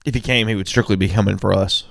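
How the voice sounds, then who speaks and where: A man co-hosting a sports talk show, talking casually and haltingly, often repeating words as he thinks aloud. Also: low-pitched, steady tone, creaky, no room sound, clean studio sound. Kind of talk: casual sports radio chat. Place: radio studio.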